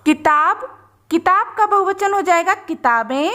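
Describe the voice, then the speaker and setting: A woman teaching young children a worksheet, reading each sentence slowly and patiently. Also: very high-pitched, lively intonation, bright, forceful tone. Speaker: teacher and channel host.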